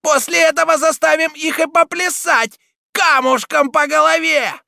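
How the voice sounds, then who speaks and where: A man voicing a ragged, foul-mouthed woman brawler who screeches and yells. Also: very high voice, fairly even intonation, moderate pace, gravelly, dry recording, studio quality, pitched above the performer's own voice, heavily acted. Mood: screeching. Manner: screeching, yelling.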